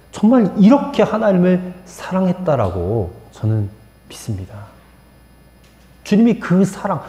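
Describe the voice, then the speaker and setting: A man preaching a sermon as pastor, moving between quiet explanation and emphatic, rising appeals to the congregation. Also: a little high. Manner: animated preaching, shifting from soft to emphatic. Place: church sanctuary. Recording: echoey church hall.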